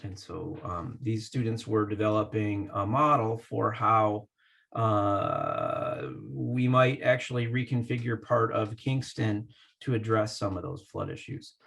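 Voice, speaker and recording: A man's voice: medium pitch, creaky, fairly bright tone. A man giving an online lecture on design with slides, thoughtful and full of fillers and restarts, his call audio choppy and robotic. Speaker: landscape architecture professor. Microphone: computer mic on a video call.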